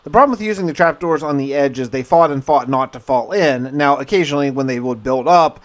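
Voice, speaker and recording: In a mid-range voice and at a fairly quick clip, a gaming video creator walks through his own survival game playthrough. His storytelling feels like a casual journal, lightly laced with roleplay.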